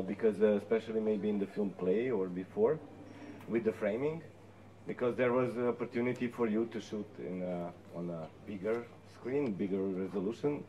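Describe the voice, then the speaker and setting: A man's voice: mid-range voice, dark tone. A man moderating a festival Q&A, asking questions hesitantly with many fillers. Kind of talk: hosting audience questions. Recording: dull lo-fi sound.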